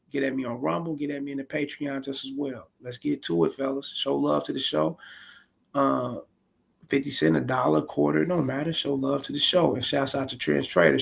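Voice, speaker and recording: A man's voice: mid-range voice, vocal fry, a bit bright. A man in his forties giving blunt, profane, rambling street-style commentary on a stream. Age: 40s. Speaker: streamer reacting to a video.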